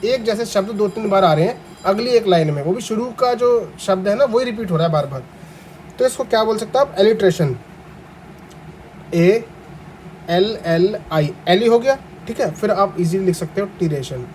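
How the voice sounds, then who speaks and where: A young man teaching exam vocabulary. He reads English definitions slowly, spells words letter by letter and then explains them in a conversational way, often asking the students questions. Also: high voice, lively intonation, darkish tone, a little hiss or hum, poor audio. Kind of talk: vocabulary lesson for exam aspirants.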